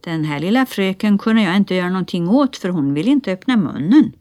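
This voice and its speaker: A woman's voice: on the low side, animated, darkish tone, natural voice. A woman reading a storybook aloud, voicing a matter-of-fact male dentist who sounds mildly exasperated.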